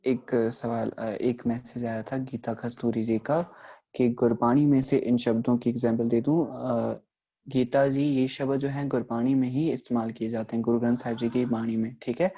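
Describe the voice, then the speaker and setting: A man teaches a pronunciation lesson in a mellow, darker voice at an ordinary pitch. He explains patiently, checks in with his listeners again and again, and slows down to sound out each example word. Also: little pitch movement. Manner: patient explaining, checks in often with "theek hai". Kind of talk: recorded online grammar lesson.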